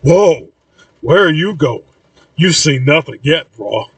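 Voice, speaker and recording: A laid-back young stoner guy, as a man reads him in a storybook, drawling slangy lines in a husky, slightly distant voice. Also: a little high, animated, takes it slowly, no room sound, exaggerated voice. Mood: goofy. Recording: voice a bit far from mic.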